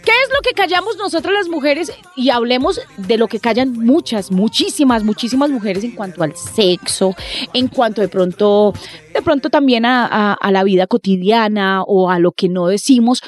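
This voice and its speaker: Brash high-voiced woman. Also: animated, moderate pace, faint music behind. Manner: brash, teasing, colloquial. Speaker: podcast host. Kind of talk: casual chat.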